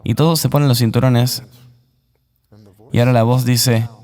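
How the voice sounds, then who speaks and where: A man recounting a personal testimony as an interview guest, in an earnest, measured voice-over. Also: mid-range voice, steady tone, a little mellow, in a large hall.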